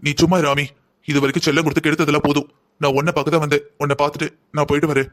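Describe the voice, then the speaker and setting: A man's voice: fairly high pitch, flat delivery, rapid-fire, close to an everyday voice. Man voicing a stern, lecturing father. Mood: scolding. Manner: lecturing, bitter. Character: stern, disappointed middle-aged father. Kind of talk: Tamil cartoon voice acting.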